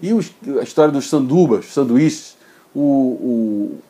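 A man's voice: medium pitch, animated, takes it slowly, dark tone. A man in his forties hosting a daily tech news video from his home office, talking informally and gesturing, recorded on a desk webcam.

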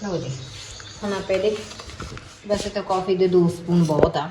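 A woman's voice: lowish voice, moderate pace. Chatty woman vlogger, noisy recording. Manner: chatty, running commentary on household chores. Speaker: family vlogger and mother. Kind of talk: casual home vlog chat. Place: at home, doing chores. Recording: noisy home recording with clicks.

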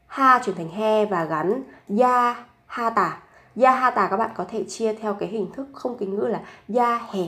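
A young adult woman teaching a language lesson, patiently explaining grammar and repeating example sentences slowly. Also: mid-range voice, fairly bright tone.

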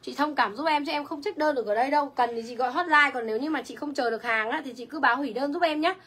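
A woman's voice: sits high, rapid-fire, fairly bright tone. A young woman selling clothes on a livestream, chatty and reading viewer comments aloud. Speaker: online clothing seller. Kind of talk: livestream sales pitch.

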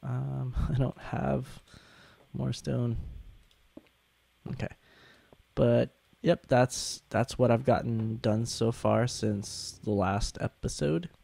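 A young man giving halting, casual gameplay commentary, sounding sick with a sore throat and swollen tonsils. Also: mid-range voice, fairly even intonation, gravelly, warm tone. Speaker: gaming video host.

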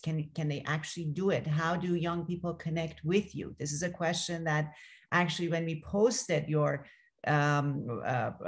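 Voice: medium pitch, creaky. A moderator of an online panel, enthusiastic and hesitant, asking long questions on a video call.

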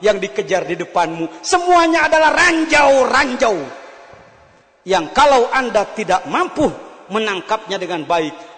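High-voiced man preaching in a reverberant hall. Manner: animated, shifts from loud exclamations to soft asides. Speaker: Islamic preacher. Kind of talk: sermon at a gathering.

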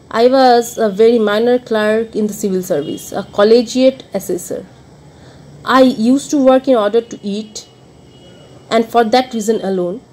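A woman reading a first-person novel aloud as an audiobook, expressive and dramatic, moving between rueful murmurs and emphatic outbursts. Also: fairly high pitch, poor audio. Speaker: audiobook reader.

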